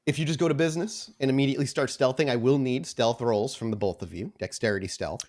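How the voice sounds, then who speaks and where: Running a tabletop role-playing game, this game master improvises his descriptive narration haltingly and deliberately. His voice is medium-pitched and a little mellow.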